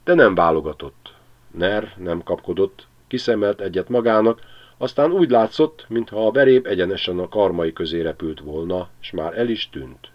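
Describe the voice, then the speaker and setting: A man reading a children's novel aloud as an expressive storyteller. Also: deep voice, lo-fi sound. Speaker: audiobook reader. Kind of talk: scripted narration of a children's novel.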